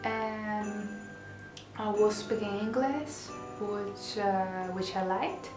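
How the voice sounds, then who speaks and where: A young Greek woman with a Greek accent vlogs casually to the camera from a small bedroom, full of fillers and restarts. She speaks at medium pitch in a steady tone, drawing out her words. The room echoes noticeably, and music plays behind her.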